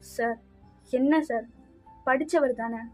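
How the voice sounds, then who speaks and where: A woman's voice: high voice, takes it slowly. A woman voicing a stern male police officer who lectures a man reproachfully. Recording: slightly dull with faint music.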